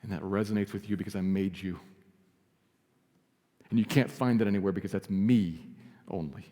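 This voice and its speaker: Low-voiced pastor preaching in a reverberant hall. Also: male voice, moderate pace. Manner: earnest preaching, drops to soft emphasis. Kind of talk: sermon. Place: church sanctuary.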